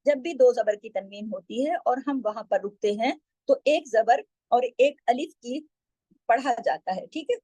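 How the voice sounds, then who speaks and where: A woman teaching tajweed, explaining patiently and drawing out syllables slowly when she demonstrates. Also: a little high, warm tone, no room sound, rough recording. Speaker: Quran recitation teacher.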